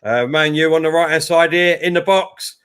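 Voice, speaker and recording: A man's voice: on the high side, moderate pace, clear, resonant tone. A man, co-hosting a casual football watchalong, reading out chat messages and calling the match. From Isle of Dogs, East London. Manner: chatty, reads out viewer messages, breaks into excited calls on the match.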